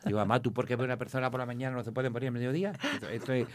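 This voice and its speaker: A man telling lively family anecdotes, jumping into a higher voice to play his mother. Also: rapid-fire, no room sound. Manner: animated storytelling, acting out his mother in a high voice. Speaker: comic actor, guest. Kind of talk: casual anecdotes in an interview.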